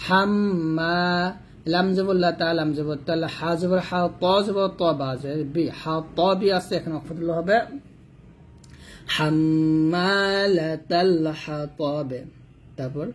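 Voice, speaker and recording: A man with a Bangladeshi Bengali accent teaching Quran reading, spelling out syllables and reciting them slowly and patiently for learners. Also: a little high, a little hiss or hum.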